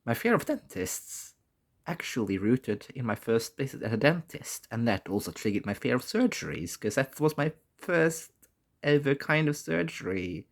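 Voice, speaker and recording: A man talking casually and candidly in a personal vlog, halting often and swearing mildly. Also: medium pitch, sing-song, vocal fry. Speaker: vlogger.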